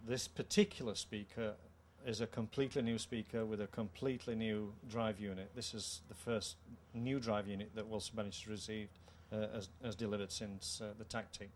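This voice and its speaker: A middle-aged man with a British accent, co-founder of the company, gives an interviewer a formal, measured technical explanation of a product at an indoor trade show. His voice is lowish. The handheld mic records clear background noise and the ambience of the show room.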